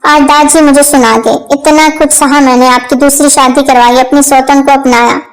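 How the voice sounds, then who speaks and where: A woman's voice: sits high, fairly even intonation, normal speed, poor audio. A woman voicing an aggrieved older wife in a storybook reading, complaining with self-pity.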